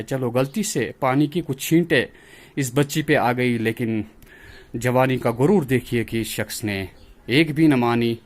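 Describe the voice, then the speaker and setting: A man reporting in the field as a news reporter, speaking formally and measuredly. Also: mid-range voice.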